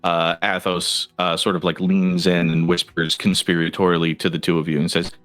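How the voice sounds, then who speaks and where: A man narrating as game master in a relaxed, hesitant way with many fillers. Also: deep voice, moderate pace, dry recording, faint music behind.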